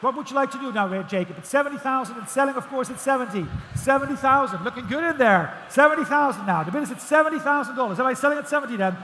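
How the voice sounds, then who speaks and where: A man working as an auctioneer, calling bids in rhythmic, repetitive number patter, projecting loudly to a room. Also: extremely high pitch, animated, rapid-fire, hardly any pauses. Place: large auction room with bidders. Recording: echoey auction hall, faint background noise.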